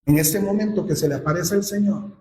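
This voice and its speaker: A man's voice: high-pitched, a little fast, dark tone, a little hiss or hum. A man preaching a sermon to his congregation, asking them rhetorical questions and reading scripture aloud. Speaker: pastor. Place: church sanctuary. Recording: echoey church room.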